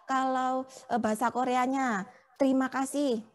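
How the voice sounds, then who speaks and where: A woman's voice: high-pitched, fairly even intonation, moderate pace. A young woman teacher, playfully quizzing a puppet and the children in a lesson. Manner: playful, coaxing, asks children questions.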